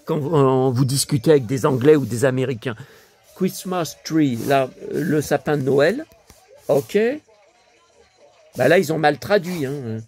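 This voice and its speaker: A man's voice: medium pitch, a little slow, a little mellow, slightly rough. An older man from France chatting casually as a vlogger, musing aloud as he reads English words in a French way. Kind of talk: casual chat while leafing through a book.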